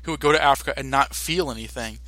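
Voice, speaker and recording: Young American man, podcast co-host, bright voice, halting restarts, dry close mic. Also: medium pitch, no room sound. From United States. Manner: animated, halting with many restarts and fillers. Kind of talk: casual podcast chat.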